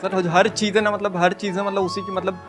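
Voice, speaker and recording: Hesitant fast-talking young man. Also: high-pitched, little pitch movement, over music. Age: 20s. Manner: hesitant, heavy fillers and restarts. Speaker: audience member asking for advice. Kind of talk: hesitant personal account.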